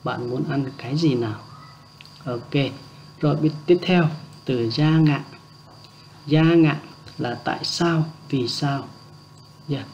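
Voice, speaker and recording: Slow-talking man teaching a language lesson. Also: medium pitch, creaky, darkish tone. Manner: hesitant, many filler sounds, repeats example words slowly. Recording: dull lo-fi recording with faint background hum.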